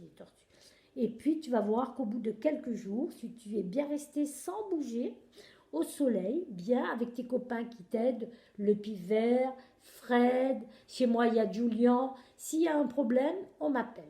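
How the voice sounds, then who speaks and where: A gentle mother nurse, as a woman puts her on, calm and soft-spoken. She talks low and soothingly in a storybook tale. Her voice is mellow in an echoey room.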